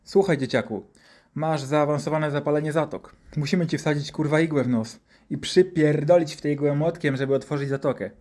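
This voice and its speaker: Man voicing a drunk swaggering doctor, coarse and boastful, swears nonstop, pitched a bit high. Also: steady tone, a little fast, darkish tone, close to an everyday voice.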